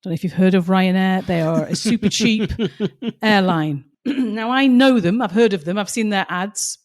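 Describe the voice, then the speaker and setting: Telling stories on the podcast she co-hosts, the woman sounds emphatic and passionate, with a slight strain as if losing her voice. Her pitch is medium and her tone a little mellow, at a moderate pace in a casual chat.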